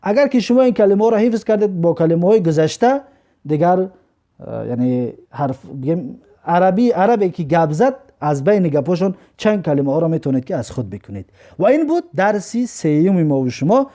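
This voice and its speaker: Slow, lilting Tajik-accented male teacher. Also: sing-song, dark tone. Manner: reads each word slowly, then explains in a lower voice. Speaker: Arabic teacher. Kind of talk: recorded lesson.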